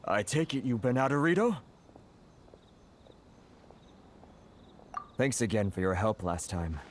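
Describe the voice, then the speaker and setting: A man's voice: on the low side, big pitch swings, a little fast. A man playing an anxious, humble, grumbling merchant in a video game, hesitant and deferential in manner. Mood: flustered.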